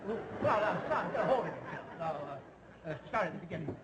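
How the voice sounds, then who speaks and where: A man's voice: high-pitched, animated, fast talker, over a noisy crowd. A man playing a jovial, easily distracted school principal in a 1950s TV sitcom, talking in a hearty, chummy way. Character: jovial, scatterbrained middle-aged male principal. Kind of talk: 1950s live TV sitcom acting. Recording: faintly hissy old television recording.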